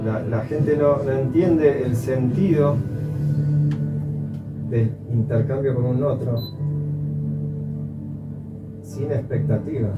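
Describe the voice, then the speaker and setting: An Argentine coffee educator with an Argentine Spanish accent talks casually in a slow, mid-range voice, reflective and rambling with long pauses and frequent restarts. He's recorded far from the mic in an echoey room, the sound dull and loud music playing.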